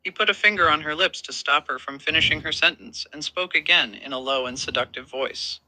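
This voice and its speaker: Man narrating a romance story, steady, slightly high, very bright. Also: a little fast, dry recording, low-quality recording.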